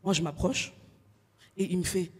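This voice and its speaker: A young woman from Congo doing stand-up comedy, telling stories in slangy animated bits. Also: lowish voice, moderate pace, breathy edge, long reverb tail. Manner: animated storytelling, street slang.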